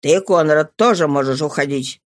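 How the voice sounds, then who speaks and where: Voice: medium pitch, normal speed, dry recording, studio quality, pitched below the performer's own voice, lightly acted. An audiobook reader voicing a stern male landowner, a former sailor, who gives curt orders. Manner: curt, commanding. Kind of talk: audiobook character voice.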